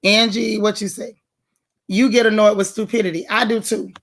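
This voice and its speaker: Hosting a casual livestream and replying to chat comments, a woman speaks directly and emphatically in a heavy, loud voice with bass, currently hoarse. Her tone is steady and her pace moderate.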